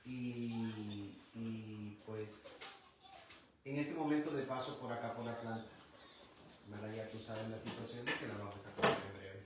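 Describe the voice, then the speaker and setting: A man in his fifties, a guest in a livestream interview, speaking calmly and conversationally with pauses and fillers. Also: fairly low pitch. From Honduras. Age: 50s. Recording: very echoey room, far from mic, some noise.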